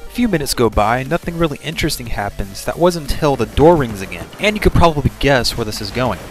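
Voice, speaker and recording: A man's voice: mid-range voice, sing-song, fast. Man telling a sarcastic story over music. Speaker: storytelling gaming video narrator. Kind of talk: casual comedic scripted narration.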